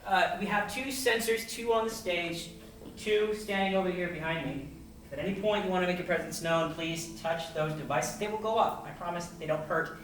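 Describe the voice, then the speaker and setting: A man's voice: high voice, normal speed, fairly bright tone, a little hiss or hum. A man in his twenties, host and lead investigator, narrating a ghost hunt and earnestly addressing spirits. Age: 20s. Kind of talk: ghost-hunting narration and group briefing.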